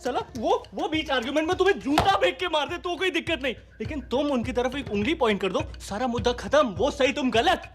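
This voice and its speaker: A man's voice: very high-pitched, lively intonation, fairly quick, few pauses, music in the background. An actor playing an exasperated young man who sarcastically rants to a friend in a film monologue. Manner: ranting, sarcastic, venting to a friend. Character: exasperated young man ranting about women.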